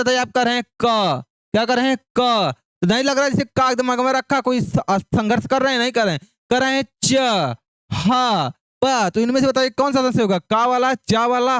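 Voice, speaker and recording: A man's voice: extremely high pitch, a bit bright, clean tone, no echo, studio quality. A male teacher giving an exam-prep phonetics lesson, drilling syllables over and over in call-and-response and asking questions he answers himself. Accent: Hindi.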